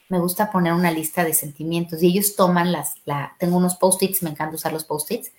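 A middle-aged woman, a family therapist explaining parenting advice on a podcast and acting out questions parents might ask. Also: lowish voice. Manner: explanatory, acts out parent and child questions in a raised voice.

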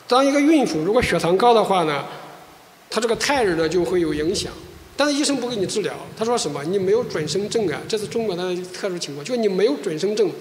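Male pastor, fast lively testimony, echoey church hall. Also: high-pitched, slight background noise. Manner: animated storytelling, frequent restarts. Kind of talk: sermon testimony.

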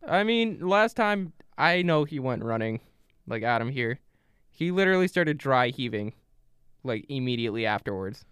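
A man's voice: medium pitch, very animated, normal speed, a bit bright, smooth, no room sound, clean studio sound. A young man co-hosting a podcast, teasing his partner and laughing often in casual chat. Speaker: podcast co-host.

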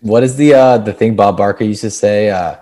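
A man in casual podcast chat, excitable and quick to laugh, swearing casually. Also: fairly low pitch. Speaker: podcast co-host.

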